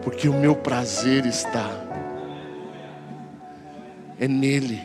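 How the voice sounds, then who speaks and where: A pastor with a Brazilian Portuguese accent preaching a sermon, emphatic and full of repeated rhetorical questions. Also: male voice, medium pitch, unhurried. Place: church service. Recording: music playing under the voice.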